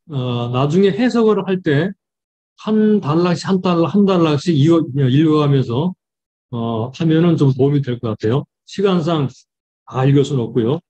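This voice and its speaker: A man, a pastor, giving a Bible study lecture, reading verses slowly and explaining them with frequent fillers. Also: on the high side, animated, mellow, lo-fi sound.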